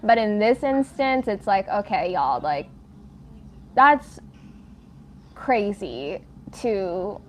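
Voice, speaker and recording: A woman's voice: medium pitch, expressive, slow, long pauses, slight background noise. A woman hosting a casual at-home livestream, chatting while she crochets, rambling and easily sidetracked, with a lot of "like". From United States. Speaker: livestream host.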